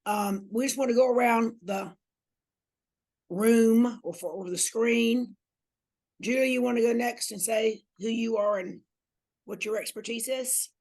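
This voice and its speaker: A woman co-chairing a committee meeting over a video call, relaxed and laughing, trailing off into fillers. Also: fairly high pitch, unhurried. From North Carolina. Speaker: committee co-chair, elected official.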